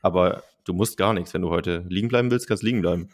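A man co-hosting a podcast, thinking aloud in measured casual discussion. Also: sits low. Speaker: podcast co-host.

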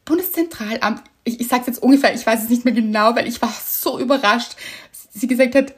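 A woman co-hosting a podcast in casual chat, telling a story with animated delight and frequent laughter. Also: on the high side, quick pace, breathy edge. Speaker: podcast co-host.

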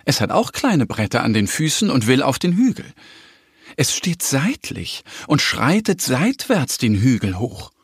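Slow husky man telling a children's story. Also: medium pitch, no room sound, studio quality. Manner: gentle, expressive storytelling. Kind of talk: children's audio story narration.

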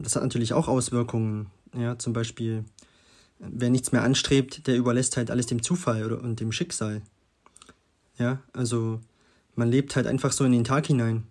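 A man's voice: mid-range voice, darkish tone. Man, young, mid-range voice, casual podcast talk, chatty, lots of fillers. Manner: loose and chatty, many fillers, frequent tag questions. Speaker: podcast host.

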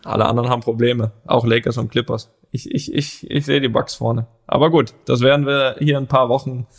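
A man's voice: medium pitch, steady tone, fairly quick. A man co-hosting a casual podcast, rambling and teasing his co-host with lots of restarts. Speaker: professional footballer.

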